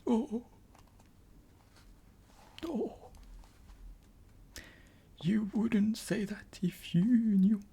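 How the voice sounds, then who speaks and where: A woman voicing a gentle male faun who sobs and whispers in guilt. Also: a bass voice, lively intonation, slow, pauses often, slightly rough, exaggerated voice. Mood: sobbing. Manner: sobbing, whispery delivery.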